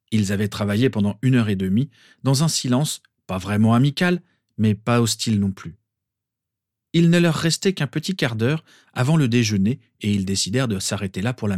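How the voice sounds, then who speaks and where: A man calmly narrating a story aloud. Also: fairly low pitch, no echo, studio quality. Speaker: reader. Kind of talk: audiobook narration.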